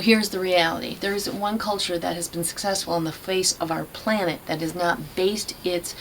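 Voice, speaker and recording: A woman's voice: fairly low pitch, a bit bright, a little hiss or hum, low-quality recording. A woman giving a casual, plain-spoken and emphatic explanation as a nutrition commentator. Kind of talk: casual explanatory talk to camera.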